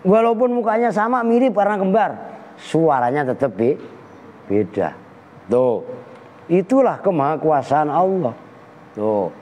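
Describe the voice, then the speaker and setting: A male teacher at an Islamic boarding school giving a kitab lesson, joking animatedly, mimicking animal sounds and chanting Arabic slowly. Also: fairly high pitch, sing-song, a little mellow, highs cut off. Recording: long reverb with faint ambient noise.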